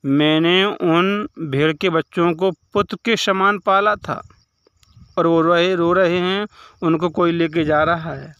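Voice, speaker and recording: A cold, aloof celestial nymph speaks down to a king in a retold legend, lecturing and repeating her address to him, as a man puts her on. The voice is smooth and clear, a little high, and paced slowly and deliberately. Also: fairly even intonation, fairly bright tone, no room sound, lo-fi sound. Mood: pleading.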